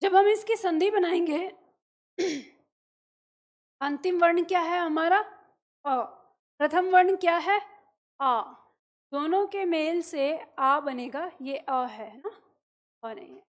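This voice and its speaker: A woman with a high voice teaches a classroom grammar lesson. She explains patiently, asks her students questions and then answers them herself, and she sounds out each letter slowly to demonstrate it.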